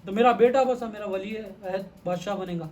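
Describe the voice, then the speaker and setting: A man's voice: high voice, dark tone, natural voice. A man voicing a proud, hot-tempered king who boasts indignantly of his royal lineage, within a spoken story. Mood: boastful.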